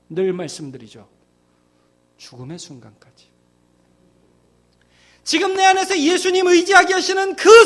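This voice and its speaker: Male pastor, very high voice, chatty preaching style with acted-out voices and hushed emphasis. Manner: conversational, acts out biblical scenes in voices; drops to near-whispers for emphasis. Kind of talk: sermon.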